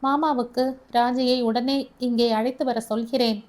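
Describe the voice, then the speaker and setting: A woman voicing a caring young man who speaks softly and coaxingly in an audio story. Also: a little high, steady tone, unhurried, lightly acted. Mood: firm. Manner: soft, coaxing.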